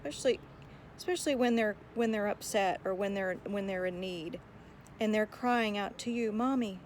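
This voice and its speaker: Speaking at a moderate pace in a mid-range voice, a woman earnestly urges listeners on how to pray, frequently repeating words as she collects her thoughts. A little hiss or hum can be heard.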